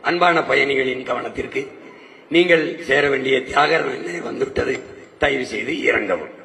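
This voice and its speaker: A man's voice: mid-range voice, normal speed, gravelly, sharp tone, long reverb tail, a little hiss or hum, voice pushed down. A man imitating an automated public transport stop announcement in a formal tone. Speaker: political speaker answering questions.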